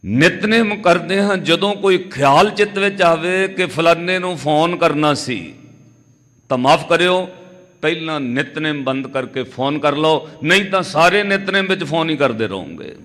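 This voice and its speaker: A man delivers a storytelling sermon in a raised, fairly high voice, his words trailing off into a long echo in a large hall. He recounts scenes with animated delivery. Now and then he slips into melodic chanting. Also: moderate pace. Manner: animated storytelling, acting out dialogue in quotes; occasionally breaks into melodic chanting. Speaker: Sikh religious preacher.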